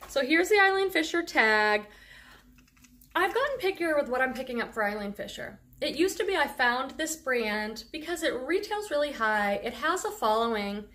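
With a high-pitched, sharp voice and big pitch swings at a normal speed, a middle-aged woman from the Boston area, USA, walks through her thrift haul. Her faint Boston accent comes through on a handful of words. As a reselling vlogger, she is chatty and enthusiastic about her clothing finds in this casual haul vlog.

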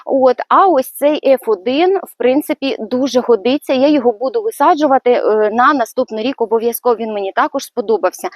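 Woman chatting through her garden plants, bit high voice, dry close sound, lots of ums. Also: a little fast, hardly any pauses, dry recording. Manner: chatty, hesitant with fillers, fond diminutives. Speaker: gardening vlogger. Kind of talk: casual garden walkthrough. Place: outdoor vegetable garden.

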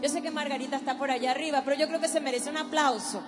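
A woman gives an emphatic testimony and prayer to a live audience, slowing her words for effect. Her voice sits high. The sound carries the long reverb of a large hall, with music playing clearly behind her. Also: steady tone. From Paraguay. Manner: emphatic, directs the crowd, slows for dramatic effect. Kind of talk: testimony and prayer preaching at a youth event.

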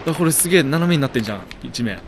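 Jokey man yelling over a video game. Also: mid-range voice, lively intonation, rapid-fire, noisy background. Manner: chatty, jokey, bursts into loud startled yelling. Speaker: game commentator. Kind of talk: let's play commentary. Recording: loud game sound behind the voice.

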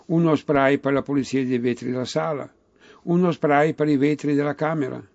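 A man acts out a tall, polite saleswoman in a comic tale in dialect. The patter is courteous and relentless, product after product. The voice is creaky, on a slightly dull recording. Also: a little mellow, dry recording, lightly acted. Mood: polite sales patter. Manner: polite, recites product lists like a sales pitch. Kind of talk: comic storytelling, acted dialogue.

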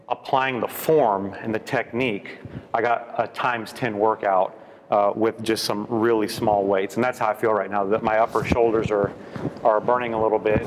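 A man's voice: mid-range voice, background noise. A man trying out a workout, chatting about it in a rambling, casual way with frequent restarts. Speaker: trainee on a fitness show.

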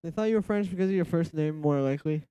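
Fairly high-pitched and quick, this man's nasal voice still sounds clear and resonant on a dry recording as he produces a track live. Relaxed, he muses aloud and reads chat replies from his indoor home studio, with loud electronic music running beneath him.

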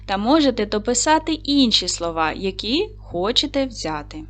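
A woman teaching a recorded primary school lesson, patiently asking questions and slowly spelling out sounds and syllables. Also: medium pitch, very animated, faint music behind. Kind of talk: recorded video lesson for children.

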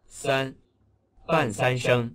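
A man on a textbook recording, reading practice words with deliberate, carefully spaced syllables. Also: medium pitch, fairly even intonation, fairly bright tone. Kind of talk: slow pronunciation drill.

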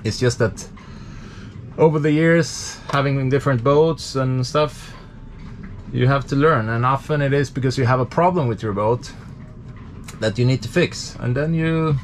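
Swedish male sailing vlogger, 30s, relaxed hands-on explainer, mid-pitched voice, slight noise behind. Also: a little slow. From Sweden. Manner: relaxed, thinking aloud with many fillers. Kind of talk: casual explanatory vlog. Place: cramped engine compartment on a boat.

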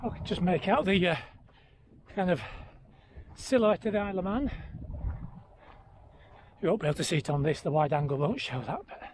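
Middle-aged male vlogger, high lively voice, talking casually while running, noisy outdoor handheld recording. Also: moderate pace, pauses often. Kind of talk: casual vlog narration to camera. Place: outdoors on an open mountainside. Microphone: handheld action camera at arm's length.

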